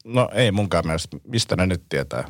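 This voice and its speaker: A man's voice: low voice, animated, very noisy. A man on a casual podcast making dry, teasing remarks.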